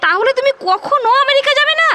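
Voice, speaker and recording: A woman plays a brisk married daughter who scolds her mother in an audio drama. Her voice is very high, bright and sharp. She speaks with a Bengali accent and an impatient manner. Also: lively intonation, slight background noise, full character voice. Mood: scolding.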